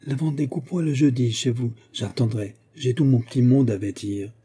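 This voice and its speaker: A man voicing a sharp-eyed, thrifty young mother who speaks briskly. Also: medium pitch, breathy edge, close to an everyday voice. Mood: practical.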